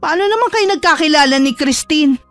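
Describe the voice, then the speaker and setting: A woman's voice: high voice, lively intonation, brisk, soft background music, voice pushed up. A woman voicing a bitter, scheming woman who talks sharply and rudely in a horror radio drama. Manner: sharp, rude, defensive.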